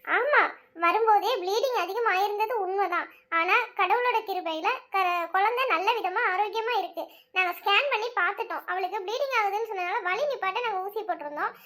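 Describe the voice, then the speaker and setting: A woman voicing a calm, reassuring female hospital doctor in a cartoon, explaining patiently. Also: extremely high pitch. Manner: measured, explaining.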